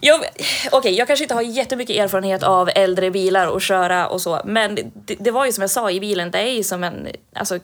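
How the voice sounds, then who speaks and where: A woman's voice: mid-range voice, hardly any pauses. A woman speaking candidly and giggling in a casual podcast chat.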